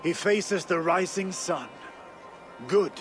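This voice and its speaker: Guthrum, slow, stately Danish warlord. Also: male voice, high voice, faint music behind. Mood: amused. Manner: unhurried, stately, genial. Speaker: supporting character in a historical action game. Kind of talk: scripted game drama dialogue. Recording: noisy outdoor ambience under dialogue. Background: outdoor ambience noise.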